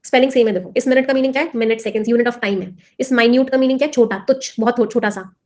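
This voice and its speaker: A woman's voice: fairly high pitch, fairly even intonation, fast, a little mellow. Quizzing woman teacher. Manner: explains in Hindi mixed with English, quizzing students. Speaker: English teacher for exam prep. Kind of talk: classroom lesson.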